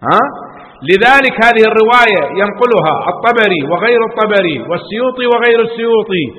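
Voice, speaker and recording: A man with an Iraqi Arabic accent preaching an impassioned religious sermon. He keeps asking his listeners questions and swings between loud and soft. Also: high-pitched. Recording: long hall reverb.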